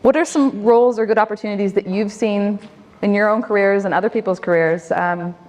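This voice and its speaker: A woman's voice: medium pitch, fairly even intonation, fairly quick, darkish tone. A woman with a Canadian accent moderating a conference panel, upbeat and joking at her own expense. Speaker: panel facilitator. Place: conference hall. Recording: long hall reverb.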